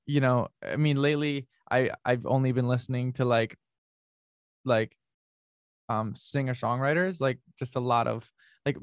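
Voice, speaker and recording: His voice smooth and pitched in the middle, the young North American guest rambles casually about his music, restarting often and leaning on "like." The recording is close and dry, with no echo.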